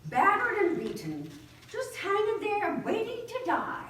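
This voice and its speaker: A woman's voice: extremely high pitch, sing-song, a little slow, fairly bright tone, slight background noise, heavily acted. A woman playing a prim, needling, gossipy old friend in a community theater play. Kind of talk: community stage play acting. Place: theater stage in a hall. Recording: echoey hall, miked from far off.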